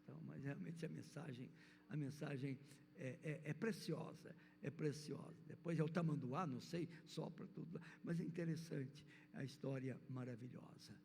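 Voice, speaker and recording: A man's voice: a little high, moderate pace, vocal fry, dark tone. An older man with a Brazilian Portuguese accent, preaching and telling a children's story in a church hall in a rambling storyteller's manner. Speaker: church speaker. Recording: reverberant church hall, faint noise.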